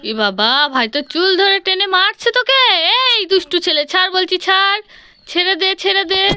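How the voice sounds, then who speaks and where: A woman playing a mother in a family comedy sketch, scolding and coaxing and repeating words quickly. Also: extremely high pitch, animated, sharp tone, slight background noise.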